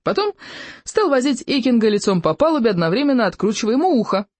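An audiobook narrator reading a children's adventure story in an expressive, animated way. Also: medium pitch, fast, no room sound. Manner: lively, animated.

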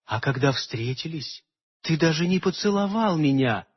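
Brief: husky fairy queen, sultry and scornful by turns, read by a man, lo-fi radio sound. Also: on the high side, expressive, moderate pace. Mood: seductive. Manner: sultry, soft, then icy and mocking. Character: seductive scheming fairy queen, woman.

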